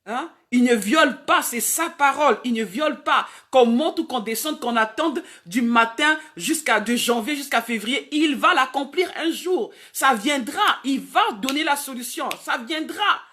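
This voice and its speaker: A woman's voice: high-pitched, lively intonation, normal speed, few pauses, fairly bright tone. A woman evangelist preaching a sermon, emphatic, repeating key phrases again and again.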